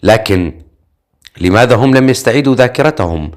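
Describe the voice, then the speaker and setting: A man's voice: medium pitch, lively intonation, brisk, close to an everyday voice. A man reading an audiobook voices a worried young woman who speaks firmly. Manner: worried, then firm. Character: anxious young woman, regains resolve.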